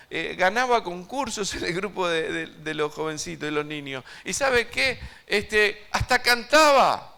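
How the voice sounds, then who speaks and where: A man preaching an evangelistic sermon to a congregation, emphatic and swinging between loud and hushed, asking his listeners direct questions. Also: on the high side, vocal fry. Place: church service before a congregation.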